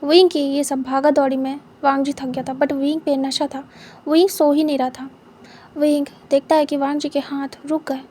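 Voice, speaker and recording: A young woman narrating a story in a soft, unhurried, intimate way. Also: high-pitched, little pitch movement, slight background noise. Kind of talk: story narration in Hindi with English words.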